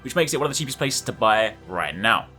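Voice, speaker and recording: Talking fast over loud music, the gaming host uses a lowish voice and is very animated. He reads a scripted game guide in a chatty, upbeat YouTuber manner with heavy emphasis.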